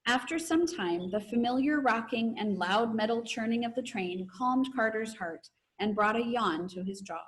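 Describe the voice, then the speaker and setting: A female teacher with a fairly high, animated voice reads aloud and leads discussion in an online video class, heard over a video call. She talks at normal speed with hardly any pauses, encouraging her pupils.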